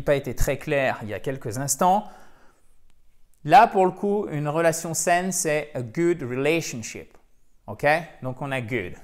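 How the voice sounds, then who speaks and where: A male language teacher with a slightly higher voice explains things in a chatty, playful way. He checks in with his listeners often as he goes, keeping the lesson relaxed. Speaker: English teacher.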